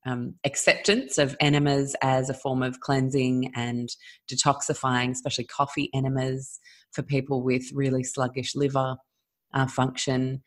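A woman's voice: rumbling low, flat delivery, moderate pace. A woman hosting a health podcast, asking thoughtful, slightly hesitant questions. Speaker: podcast host. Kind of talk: interview questions.

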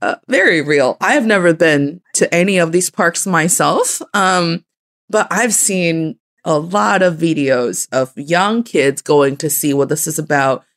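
A woman's voice: deep voice, a little slow, a bit bright. A woman in her twenties co-hosting a podcast, telling stories in a casual, amused, giggly way. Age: 20s. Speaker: podcast co-host.

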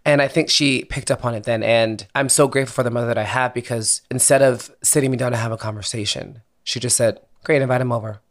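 A young singer-songwriter from Philadelphia speaks as an interview guest, candid and casual, laughing easily and swearing now and then. His medium-pitched voice keeps a fairly even intonation, and he talks fast with hardly any pauses.

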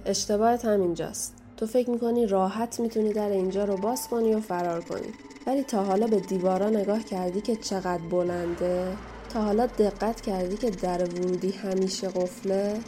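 A woman playing a mocking, menacing young waitress who talks down to people and gives sharp warnings, in an audio drama. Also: mid-range voice, slight background noise, lightly acted. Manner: scornful, taunting, bossy. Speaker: guest voice actor.

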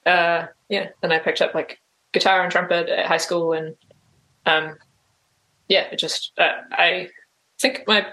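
A woman's voice: on the low side, fairly even intonation, unhurried, pauses often, bright, forceful tone. Hesitant New woman guest. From New Zealand. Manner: hesitant, full of "like" and "um" fillers. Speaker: interview guest. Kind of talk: casual interview answers.

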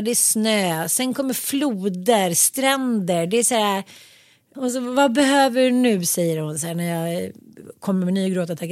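Animated Swedish woman telling a story. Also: on the high side, no room sound, studio quality. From Sweden. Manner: animated, acts out quoted dialogue with laughs. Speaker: podcast co-host. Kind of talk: casual storytelling chat.

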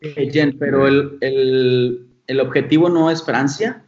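A man's voice: mid-range voice, fairly even intonation, slow pace, darkish tone. A man with a Mexican accent asking questions in a casual, chatty interview. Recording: dull lo-fi audio.

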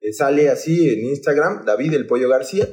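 A man's voice: medium pitch, fairly quick, mellow. A young man with a Mexican accent, a podcast guest chatting casually in slang and rambling through many restarts. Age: young adult. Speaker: guest, hostel project leader.

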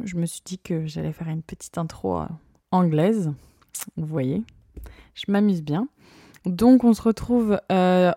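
A woman hosting her podcast in a relaxed, playful chat, pausing often with small hesitations, recorded in her parents' home office. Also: mid-range voice, no room sound, studio quality. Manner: chatty and playful, with frequent hesitations. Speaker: podcast host. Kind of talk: casual chat. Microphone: podcast mic without its usual arm.

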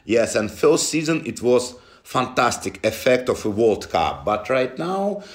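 A man with a Russian accent answering interview questions in halting non-native English, often dropping articles. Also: medium pitch, sing-song. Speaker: interview guest from a football club.

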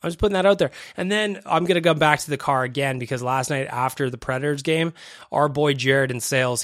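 A man's voice: medium pitch, a bit bright, dry recording, studio quality. A man hosting a casual sports podcast solo, sounding slightly nasal, phlegmy and congested, talking informally with repeated phrases for emphasis. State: mildly congested with a cold-like illness. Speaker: podcast host. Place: small home basement studio.

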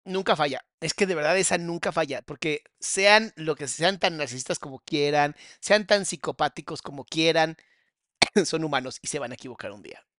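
A man, hosting a podcast and reacting with sarcastic, drawn-out remarks. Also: on the high side, a bit bright, no room sound. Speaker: host reacting to a guest's story.

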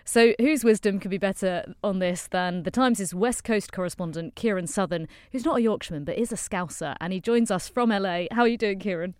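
Brisk woman co-hosting a news podcast. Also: mid-range voice, a little mellow, clear, resonant tone, no room sound, clean studio sound. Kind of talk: scripted podcast presenting.

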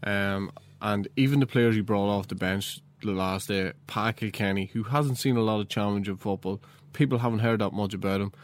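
A man's voice: on the low side, moderate pace, few pauses. An Irish man giving casual sports analysis as a pundit.

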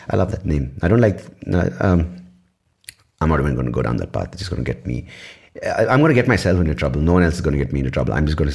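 A man with a very deep, creaky voice, a darkish tone and a breathy edge hosts a casual solo podcast. He rambles, swears often, pokes fun at himself, and keeps restarting his sentences.

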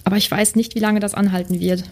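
A woman's voice: mid-range voice, level tone, fast, a little mellow, natural voice. A woman voicing a nervous teenage boy wizard, reading breathlessly with a raised voice.

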